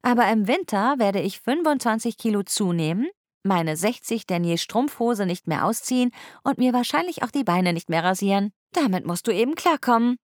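A woman's voice: mid-range voice, animated, moderate pace, no echo, clean studio sound, voice pushed up, close to an everyday voice. A woman reading an audiobook, voicing a playful, stubborn young woman who protests in a raised, whiny tone. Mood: teasing.

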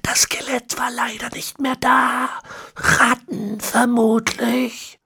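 A reader voicing a spiteful, scheming 101-year-old man in a high, whispery, cackling old voice, from an audiobook. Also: level tone, slow, creaky, bright, forceful tone, husky, full character voice.

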